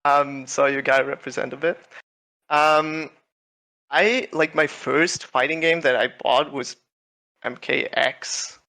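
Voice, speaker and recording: Poor audio carries this young Swiss man's creaky, sharp-toned voice, which is mid-pitched, fairly flat in intonation and slow. As the tournament winner being interviewed over a casual video call, he stays modest and relaxed, restarting often and leaning on fillers.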